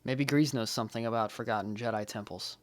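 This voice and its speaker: A man's voice: medium pitch, steady tone, quick pace, lightly acted. Field: fan audio drama. Figure: a man playing a guilt-ridden young Jedi. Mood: worried. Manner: earnest, self-blaming, subdued.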